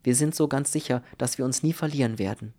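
An earnest, protective young man talks in a calm and reassuring way, as a male reader voices him. His voice sits at an ordinary middle pitch, steady and measured, in an audiobook reading. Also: lightly acted.

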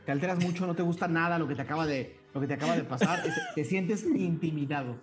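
A man runs the tabletop game from behind the screen. His voice sits a little high. He calls for saving throws and describes what happens to the players' characters. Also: quick pace, over music. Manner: calls for rolls, describes effects. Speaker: game master.

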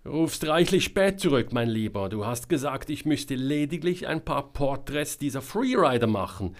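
A man's voice: mid-range voice, lively intonation, moderate pace, close to an everyday voice. A man voicing an annoyed, level-headed young woman reporter who speaks matter-of-factly.

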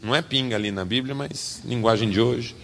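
A man with a Brazilian Portuguese accent preaching a sermon as a pastor, animated and swinging from loud to soft. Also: mid-range voice, fairly quick, big-room sound.

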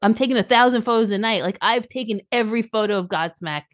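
A woman touring photographer chatting casually as a podcast guest, upbeat and quick to laugh. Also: a little high, no room sound, rough recording. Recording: remote call, briefly garbled by a loose cable.

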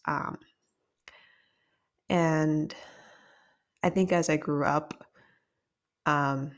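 A woman's voice: deep voice, vocal fry. A woman hosting her podcast in casual, rambling chat with frequent halts and restarts. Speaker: podcast host.

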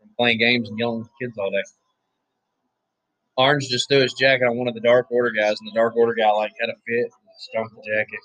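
A hoarse man, giving laid-back, chatty play-by-play commentary on a wrestling match, with offhand asides. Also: medium pitch, flat delivery, a little fast, fairly bright tone, no echo, poor audio. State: hoarse, losing his voice. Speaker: wrestling watch-along commentator.

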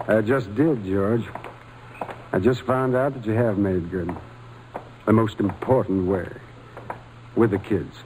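An actor playing a kindly, earnest religious brother and mentor in 1940s radio drama. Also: male voice, on the low side, a little slow, long pauses, lightly acted. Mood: earnest, approving. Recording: faintly noisy old radio recording.

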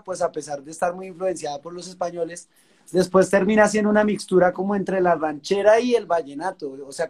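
A young Colombian man with a Colombian Spanish accent, a singer-songwriter chatting in an interview and telling relaxed stories. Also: sits high. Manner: relaxed, storytelling, uses fillers like pues. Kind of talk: casual interview chat.

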